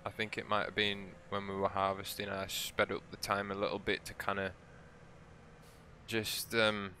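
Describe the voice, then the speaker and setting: A let's play host with a croaky, hoarse voice chats over a video game on his own channel, speaking low with a bright, forceful edge. His relaxed, rambling commentary moves at normal speed against slight background noise.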